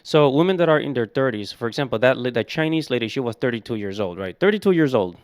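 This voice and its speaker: A man's voice: mid-range voice, animated, fast, clear, resonant tone, no room sound. Guy in his 30s ranting his opinions, says stuff twice, dry close sound. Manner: opinionated, repetitive, emphatic. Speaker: commentator reacting to clips. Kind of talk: casual opinion commentary.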